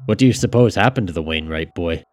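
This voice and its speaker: A man's voice: low-pitched, expressive, fast, faint music behind. A man voicing a practical former butcher who talks plainly and levelly.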